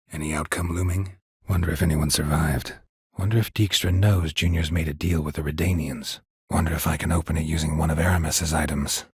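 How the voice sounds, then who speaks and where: A world-weary monster hunter from a fantasy video game growls in a deep, extremely husky, gravelly voice, delivering terse, clipped, deadpan lines. The heavily acted performance is recorded dry and close with no room sound.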